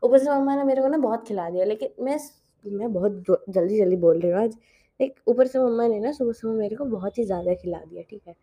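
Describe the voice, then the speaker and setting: A woman's voice: fairly high pitch, fast talker, dark tone. A teenage girl chatting casually as the host of her own show, mixing in English phrases and laughing often, recorded at home. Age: teens. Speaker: podcast host. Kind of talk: casual chat.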